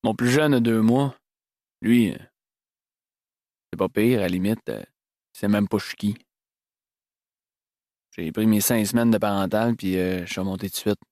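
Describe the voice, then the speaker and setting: Un homme qui joue un ouvrier de chantier, jeune père las, avec un québécois, d'un ton laconique, dans un livre audio. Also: male voice, fairly low pitch, normal speed, pauses often, a little mellow, no echo, clean studio sound, natural voice. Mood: matter-of-fact. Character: weary male worksite labourer, young father. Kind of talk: audiobook reading.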